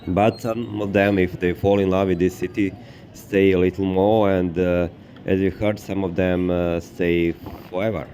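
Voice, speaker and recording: A man from Serbia narrating a casual walking tour outdoors on a city street, hesitant and full of filler pauses. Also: low voice, level tone, warm tone, a little hiss or hum. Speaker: tour guide vlogger.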